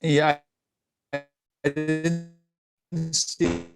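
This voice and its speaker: A man on a committee video call, speaking in halting, clipped-off phrases while his connection keeps breaking up. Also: a little high, flat delivery, loud music behind the voice. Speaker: commission member. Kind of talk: public meeting discussion.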